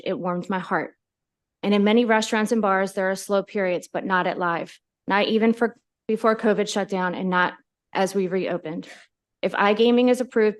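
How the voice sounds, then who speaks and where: A woman reading heartfelt, pleading testimony as a public witness. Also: medium pitch.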